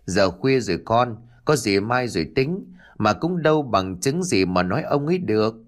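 A man's voice: lowish voice, expressive, normal speed, close to an everyday voice. A man voicing a worried, tender village mother who comforts her daughter. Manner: comforting, gently warning.

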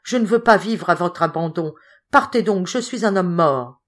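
A man's voice: sits high, normal speed. A woman voicing a brutish, scheming male trapper in an audiobook, whining and gloating. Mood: self-pitying. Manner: whining, then gloating and shouting.

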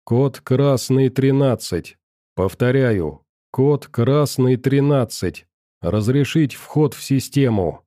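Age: adult. Figure: a man voicing a female android in a flat mechanical voice. Pace: slow. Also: mid-range voice, no echo, clean studio sound. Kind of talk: audiobook narration.

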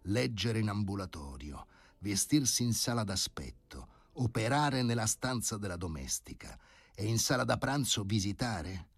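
A man's voice: fairly low pitch, expressive, normal speed, husky, no room sound, voice pushed up. A man reading an audiobook, voicing an indignant aging male professor who speaks with haughty, scornful politeness. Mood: mocking.

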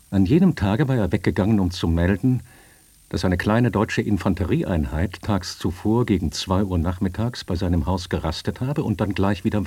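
A man narrating a literary story in a measured, even storytelling manner. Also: low voice, slightly rough, no echo.

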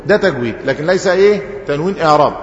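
A man's voice: on the high side, lively intonation, rapid-fire. A man with an Egyptian accent, a sheikh teaching an Arabic grammar lesson, who poses questions to the class and answers them himself. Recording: echoey hall, dull lo-fi sound.

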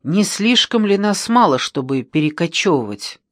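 A determined schoolboy barking short, clipped orders, as an audiobook reader puts him on. The voice is dry and close, at a middling pitch. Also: animated, moderate pace, fairly bright tone, no echo, close to an everyday voice. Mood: doubtful. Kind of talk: audiobook reading.

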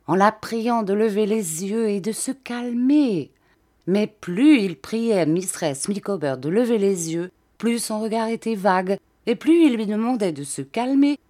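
A woman reading a classic novel aloud as an audiobook, with even, clear storytelling. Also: mid-range voice. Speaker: audiobook reader.

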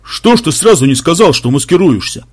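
A man voicing a gruff, touchy male deacon who leads a band of priests and talks in a blunt, grumbling way. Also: mid-range voice, very animated, normal speed, darkish tone, no room sound.

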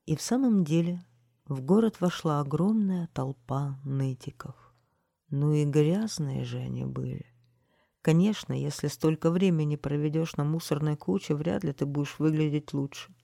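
A woman reading a children's story aloud in calm, even narration. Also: deep voice, moderate pace, vocal fry, no room sound, studio quality. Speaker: audiobook reader.

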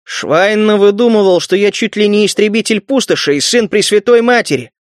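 Male reader doing a brash young brawler, boastful, fairly high, dry audiobook voice. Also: a little fast, no room sound, natural voice. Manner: boastful, mocking storyteller. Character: Sever, a tough young male wasteland fighter, cocky and blunt.

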